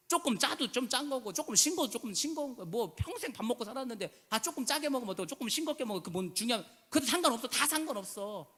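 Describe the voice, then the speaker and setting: A man's voice: high-pitched, bright, forceful tone. A man preaching a sermon as pastor, emphatic and full of rhetorical questions, slipping into casual speech. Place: church sanctuary. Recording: church hall reverb.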